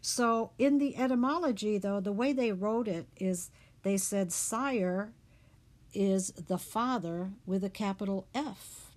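Slow, mellow-voiced woman musing. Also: medium pitch. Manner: unhurried, thoughtful, with fillers and soft laughs. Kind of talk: reflective talk on word meanings.

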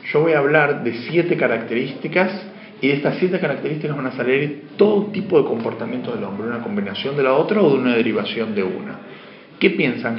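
A man giving a spiritual lecture to a class, asking questions of his listeners and moving between emphatic and hushed speech. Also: medium pitch. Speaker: teacher. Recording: dull, roomy lo-fi room sound.

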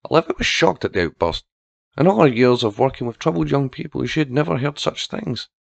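A man narrating a story aloud in a steady storytelling style and doing voices for the characters. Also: mid-range voice, fairly quick, gravelly, no echo.

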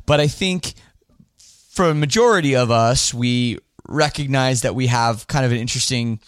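A Canadian man hosts his podcast and chats casually through listener questions, loose and rambling, backtracking often. His voice sounds smooth and resonant. The sound is close and dry, with no room around it. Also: mid-range voice, moderate pace, no room sound. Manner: relaxed, rambling with fillers and restarts. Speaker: podcast host.

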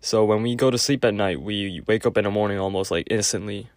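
A man giving a casual spoken lecture with a clogged nose, halting often with fillers and restarts. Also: on the low side, dry recording, studio quality. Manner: halting, many fillers and self-corrections. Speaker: podcast host.

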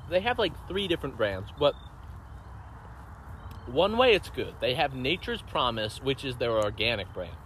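Man, podcast host, casual chat, animated pitch, faint traffic behind. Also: normal speed. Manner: laughs often, playful.

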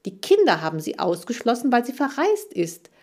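A woman voicing a feisty, boastful male hamster detective in an audiobook, ranting loudly and eagerly. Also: fairly high pitch, moderate pace, voice pushed up. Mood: eager reasoning. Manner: ranting, animated and loud. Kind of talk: audiobook character voice.

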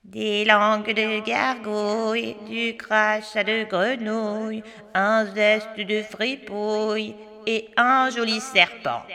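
A woman voicing a boastful, spiteful female witch with a shrill, theatrical voice, read as a storybook. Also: expressive, a little slow, pushed and bright, big-room sound, heavily acted. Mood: chanting.

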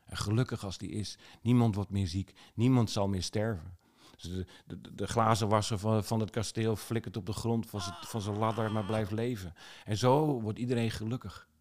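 A man's voice: fairly low pitch, fairly even intonation, moderate pace, a little mellow. A man telling a fairy tale aloud, unscripted, sometimes correcting himself mid-sentence. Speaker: storyteller. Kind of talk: oral fairy tale narration.

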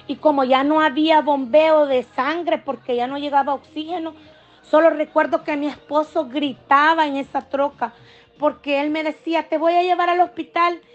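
A woman's voice: sits high, dull audio. A woman giving an emotional church testimony, earnestly addressing the congregation as brothers and sisters.

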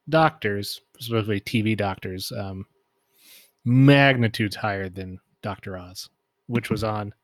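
A man's voice: on the low side, no room sound. A man co-hosting a podcast in casual chat, dropping dry joking asides. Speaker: podcast co-host.

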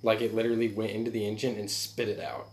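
A young man in easy, slangy conversation with a friend, laughing often. His voice sits a little low and rings with a roomy echo, with a faint hiss underneath. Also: flat delivery, fast talker. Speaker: friend chatting. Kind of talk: casual chat.

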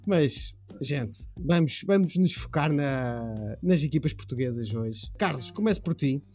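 Mellow male football podcast host, slightly high. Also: lively intonation, a little slow, faint music behind. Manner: playful, wordy introductions. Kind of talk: casual football podcast presenting.

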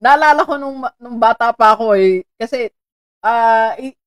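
A Filipino woman hosting a live-streamed motivational talk, chatty and animated, laughing often and greeting viewers by name. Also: a little high, unhurried. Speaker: motivational host.

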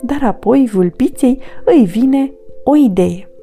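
A woman reading a children's storybook aloud in a gentle, expressive way. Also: high-pitched, faint music behind.

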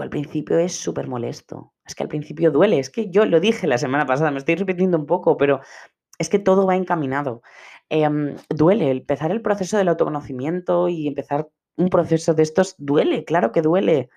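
A man's voice: fairly high pitch, fairly quick, gravelly, a little mellow. Earnest man coaching on a podcast. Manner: earnest, repetitive, emphatic. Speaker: personal development coach. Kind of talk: podcast monologue.

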